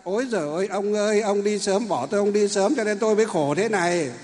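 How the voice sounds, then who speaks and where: A grieving old widow wailing to her dead husband about her hardship, as a high-voiced monk puts her on in a sermon. The lament rings in a large echoing hall. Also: quick pace, a little mellow, natural voice.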